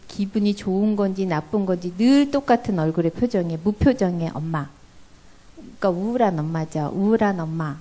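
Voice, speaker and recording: Woman, professor, church parenting seminar, mid-pitched voice, asks the audience questions, acts out parent and child voices. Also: mellow. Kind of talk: lecture to an audience. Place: church hall.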